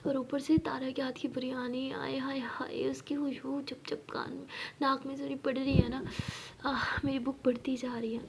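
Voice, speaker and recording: A woman's voice: high-pitched, flat delivery, normal speed, vocal fry, noisy background. A woman doing Sara, a clingy young woman. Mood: craving. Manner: coaxing, pleading.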